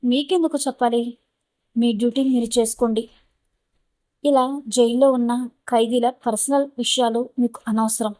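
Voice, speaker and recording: A woman's voice: on the high side, fairly even intonation, moderate pace, long pauses, mellow, dry recording, lightly acted. A woman storyteller voicing a young woman prisoner, a wronged ex-wife who speaks through tears. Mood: cold. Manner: cool then pleading, tearful.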